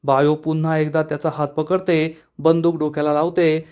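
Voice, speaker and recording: A man narrating an episode recap of a television serial in steady storytelling. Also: on the high side, moderate pace, clean tone.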